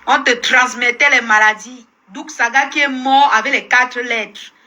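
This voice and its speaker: High, sharp-voiced Cameroonian woman ranting. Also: steady tone, measured pace. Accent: Cameroonian French. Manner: combative, scolding, repeats herself. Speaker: live-stream host. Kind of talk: heated live-stream rant. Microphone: phone live stream.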